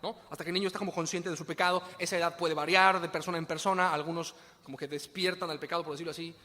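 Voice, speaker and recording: A man's voice: a little high, fairly even intonation, very fast, bright, forceful tone, in a large hall. A man with a Mexican Spanish accent preaching a sermon in a conversational way, often asking rhetorical questions.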